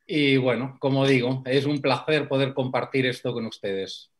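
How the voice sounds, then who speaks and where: A man from Spain with a Spanish accent, an Alexander Technique teacher, introducing himself on a video call in a relaxed way with many fillers. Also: medium pitch, moderate pace.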